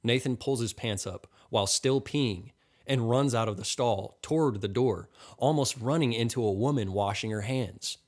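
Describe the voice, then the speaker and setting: A man reading a crude comedy story as scripted narration, deadpan. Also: mid-range voice, moderate pace.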